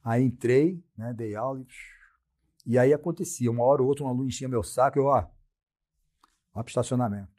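A middle-aged Brazilian man with a husky, slightly rough voice, talking as a podcast guest. He tells his stories bluntly with plenty of street slang and jumps into his own quoted lines as he goes. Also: mid-range voice, brisk, long pauses, dark tone. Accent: Brazilian Portuguese. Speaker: podcast guest, sports science professor. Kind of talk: casual storytelling.

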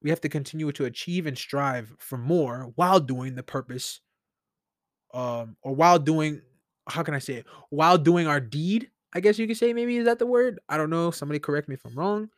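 A man hosts a solo podcast alone in his room, rambling conversationally and thinking aloud into a studio mic with headphones on. His voice is a little high and brisk, and the recording is studio quality with no echo.

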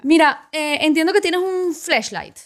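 A woman's voice: extremely high pitch, measured pace. A woman hosting a casual interview, asking curious, teasing questions. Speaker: podcast host.

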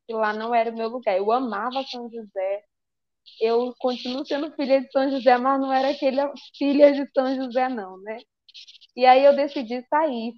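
Brazilian woman, high voice, animated testimony with acted-out quotes; dry, dull recording. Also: no echo. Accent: Brazilian Portuguese. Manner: lively storyteller who acts out quoted dialogue. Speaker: speaker giving a religious testimony. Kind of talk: personal testimony told to a live group.

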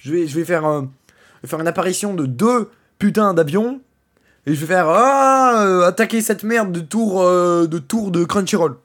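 A man's voice: sits high, moderate pace, fairly bright tone. A man hosting a podcast, ranting in a crude, profane and sarcastic way, often stumbling into restarts. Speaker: podcast host.

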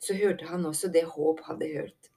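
A woman reading a fantasy novel aloud as an audiobook narrator, in calm, even storytelling. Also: low-pitched. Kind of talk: scripted narration.

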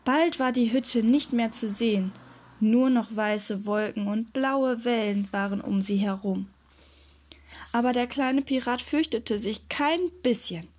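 Slow, gentle woman reading a children's story. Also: a little high.

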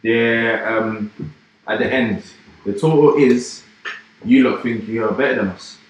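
A man's voice: mid-range voice, unhurried, dull audio. A young man co-hosting a podcast, chatting casually with jokey, rambling banter. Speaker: podcast co-host. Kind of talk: casual chat. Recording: echoey room.

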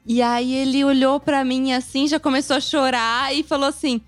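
A young woman with a Brazilian accent chatting casually, lively and full of slang. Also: high-pitched, moderate pace, faint music behind. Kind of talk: casual storytelling chat.

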